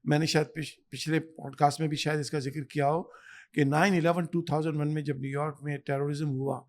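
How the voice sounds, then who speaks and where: A man's voice: a little high, level tone. A man, an imam and guest scholar, speaking emphatically in a podcast interview, preaching and telling stories. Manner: emphatic, storytelling, exhorting. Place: Canada.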